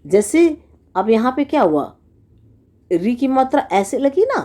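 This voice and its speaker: A woman's voice: on the high side, very animated, a little slow, warm tone. A woman teacher with a Hindi accent explaining a lesson to children, asking questions and answering them herself as she sounds out syllables. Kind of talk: slow classroom explanation for children.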